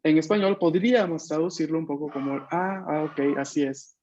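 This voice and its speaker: A man's voice: a little high, moderate pace, a little mellow, muffled recording. A man teaching a Japanese class online, explaining patiently and checking that his students follow. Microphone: video call.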